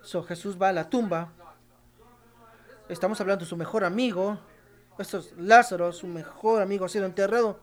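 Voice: medium pitch, a little fast, long pauses. Preacher stressing lines in a sermon. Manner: emphatic, repeats key phrases for stress; addresses the congregation directly. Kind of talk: sermon with Bible reading.

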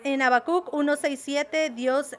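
A woman's voice: high voice, fairly even intonation, measured pace. A woman preaching a sermon in a conversational way, often checking in with her listeners. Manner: conversational, asks "verdad?" often.

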